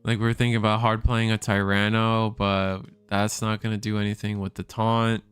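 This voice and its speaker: A man casting a card game tournament live, thinking out loud and correcting himself as he talks. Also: fairly low pitch, flat delivery, moderate pace, clear, resonant tone. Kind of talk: live play-by-play commentary.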